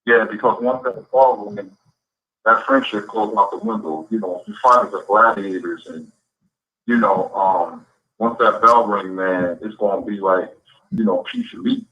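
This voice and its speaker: A man's voice: fairly low pitch, steady tone, unhurried, pushed and bright. A man calling in as a guest on speakerphone, sounding faint and far away, talking loosely with lots of fillers. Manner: loose, filler-heavy talk. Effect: faint, faraway speakerphone sound. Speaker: guest boxing commentator. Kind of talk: casual call-in chat. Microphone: phone on speakerphone. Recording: echoey, distant, dull remote call.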